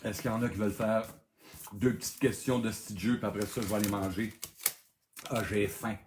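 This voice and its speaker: A man's voice: lowish voice, steady tone, fairly quick, reverberant, a little hiss or hum. A man with a Québécois accent hosting a live-streamed game night, laughing often and exclaiming as he reads answers aloud over and over. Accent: Québécois French.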